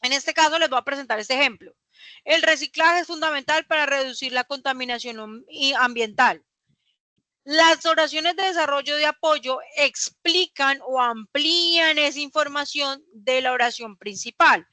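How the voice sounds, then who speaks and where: A woman's voice: high-pitched, normal speed, pushed and bright, dry recording. A young woman, teaching a class and explaining patiently with rhetorical questions. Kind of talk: classroom lecture.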